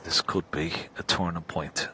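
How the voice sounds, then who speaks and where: A man giving live snooker commentary in a hushed, understated way. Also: deep voice, little pitch movement, unhurried. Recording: crowd ambience and background noise.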